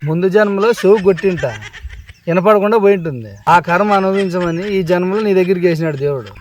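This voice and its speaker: Man, high voice, village comedy skit, exasperated nephew, pleading, shouting, faint background noise. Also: fast.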